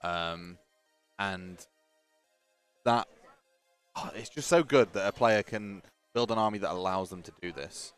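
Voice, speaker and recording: A chatty man with a fairly low voice, commentating a tabletop game match in a loose, joking way. Faint music plays underneath. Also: unhurried, long pauses, clear, resonant tone. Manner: chatty, joking, runs the stream tech while talking. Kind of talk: casual live-stream commentary.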